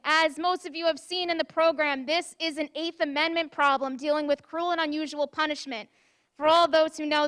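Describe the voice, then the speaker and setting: Woman, high-pitched, event presenter, formal introduction. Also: a bit bright. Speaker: competition presenter.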